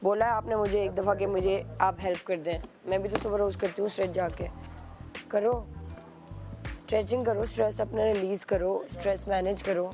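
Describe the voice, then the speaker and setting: A woman's voice: medium pitch, steady tone, fairly quick. A woman, a reality show contestant, lecturing and scolding the others. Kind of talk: heated argument. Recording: music and crowd noise. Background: music and crowd.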